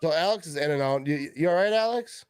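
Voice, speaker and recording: A man hosts a casual live draft-night stream, stumbling over words in an easygoing way and shouting out viewers. His voice sits at a medium pitch. The sound is dry and close. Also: lively intonation, quick pace, clear, resonant tone, dry recording, soft background music.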